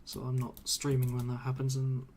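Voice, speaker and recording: With a completely flat delivery at medium pitch and moderate pace, a man streams a game from his computer at home over background noise. He rambles casually, hesitating, filling gaps with fillers and trailing off mid-sentence, his voice a touch strained from long talking.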